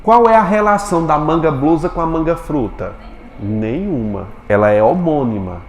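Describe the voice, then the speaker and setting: A male teacher giving a Portuguese lesson in a classroom, quizzing his students with quick questions. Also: on the high side, expressive, roomy sound, long reverb tail, a little hiss or hum.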